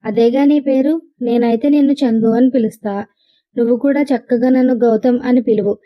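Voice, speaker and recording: A woman's voice: a little high, fairly even intonation, moderate pace, dull audio, lightly acted. A woman voicing a cheeky, confident young male suitor in a playful, teasing way.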